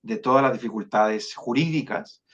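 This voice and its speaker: A Chilean man, director of a foundation, speaking as a guest in an online interview. He talks in a measured, hesitant way with many fillers and restarts. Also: mid-range voice, fairly bright tone, muffled recording.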